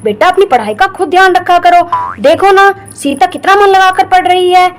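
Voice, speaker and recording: A woman's voice: very high-pitched, normal speed. A woman voicing a fussy, squeamish uncle in a doll story, with frantic exclamations. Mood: stern. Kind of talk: doll story role-play.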